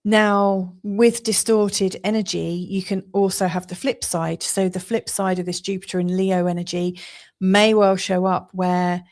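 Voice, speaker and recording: An English woman with an English accent gives an astrology forecast in an earnest, chatty monologue, laughing often and using plenty of fillers. Her mid-range voice has a darkish tone, a level delivery and a measured pace.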